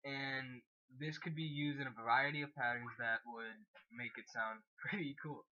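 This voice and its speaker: A man teaching beatboxing basics in a relaxed, casual way, with fillers and small jokes. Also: mid-range voice, normal speed, lo-fi sound. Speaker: beatbox tutor. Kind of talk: casual how-to demonstration.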